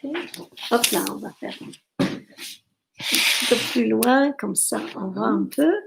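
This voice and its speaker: Slow, encouraging woman at a church service. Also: a little high, gravelly, background noise. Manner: encouraging, with frequent amens and alleluias. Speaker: co-leader of the service. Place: church hall.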